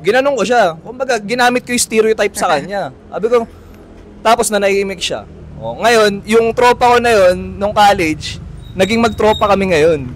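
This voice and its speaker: Man, podcast host, casual storytelling, animated, lots of fillers and restarts, fairly high voice. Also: moderate pace, a little hiss or hum. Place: outdoors on a city street.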